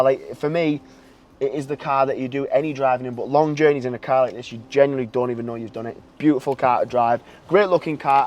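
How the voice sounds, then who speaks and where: Fast-talking car salesman. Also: medium pitch, darkish tone. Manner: enthusiastic, chatty salesman patter. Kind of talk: car walkaround sales pitch.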